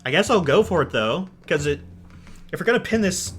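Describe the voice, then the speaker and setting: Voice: medium pitch, expressive, fairly quick, a bit bright, faint music behind. A game streamer chatting casually while thinking through a playthrough.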